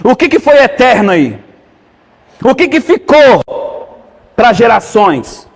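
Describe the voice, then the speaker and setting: A man's voice: very high voice, big pitch swings, slow, creaky, big-room sound. A man pastor preaching a sermon, often calling out to the congregation for agreement. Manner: preaching with call-and-response questions to the congregation. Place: church hall.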